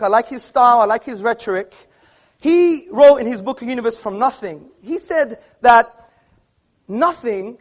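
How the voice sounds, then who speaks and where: A man giving an argumentative opening speech in a formal debate, speaking on stage in an auditorium before a live audience. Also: very high voice. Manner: emphatic, argumentative, quoting books.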